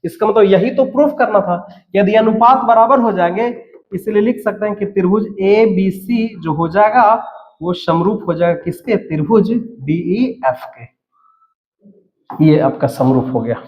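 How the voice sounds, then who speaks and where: A man's voice: high voice, normal speed. A man teaching a school maths lesson, walking through a proof step by step, repeating terms and answering his own questions. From Bihar, India. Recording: roomy echo, dull lo-fi sound.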